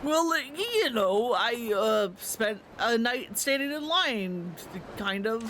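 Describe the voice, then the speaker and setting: A woman's voice: a little high, animated, takes it slowly, a bit bright, a little hiss or hum. Woman doing a stammering sheepish boyfriend. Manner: stammering, hesitant. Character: nervous sheepish young man, a boyfriend.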